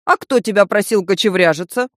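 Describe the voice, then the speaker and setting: A woman's voice: mid-range voice, a little fast, fairly bright tone, no echo, studio quality, lightly acted. A woman voicing a cruel male master of death who threatens and coaxes with false kindness. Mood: threatening. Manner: menacing, coaxing with false kindness. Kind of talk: audiobook character voicing.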